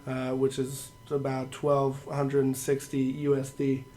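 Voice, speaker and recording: A man's voice: mid-range voice, completely flat delivery, a little slow, dark tone, slight background noise. A man co-hosting a podcast in casual chat, laid-back and swearing freely. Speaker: podcast co-host.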